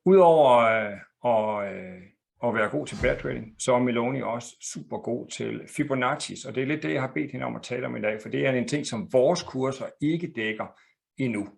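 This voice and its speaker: A man introducing a guest on a live webinar, speaking with many pauses and fillers. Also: mid-range voice, gravelly. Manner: hesitant, lots of fillers. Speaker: webinar host.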